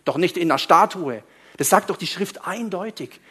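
Husky preacher telling stories. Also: male voice, sits high, moderate pace. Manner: animated storyteller, jumps between quiet asides and loud outbursts. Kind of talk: storytelling sermon.

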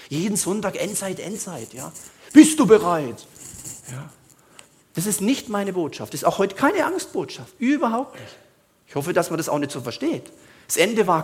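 A male pastor, preaching a sermon in a conversational style with emphatic asides. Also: high voice.

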